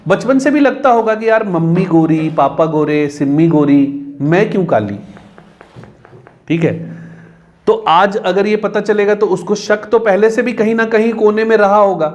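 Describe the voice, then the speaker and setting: A man teaching a story lesson, explaining it in casual Hindi mixed with English and acting out the characters' lines. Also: sits high.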